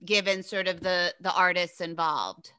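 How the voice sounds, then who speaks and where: Slow, bright-voiced woman host. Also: on the low side, steady tone, clear, resonant tone. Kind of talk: interview questions.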